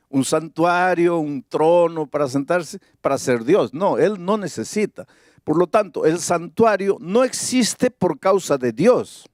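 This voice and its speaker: A man preaching a sermon, reading scripture aloud and posing rhetorical questions in a slow, deliberate manner. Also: high-pitched, a little mellow, dry recording, clean studio sound. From Peru. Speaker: pastor. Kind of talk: evangelistic sermon. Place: large evangelistic campaign venue.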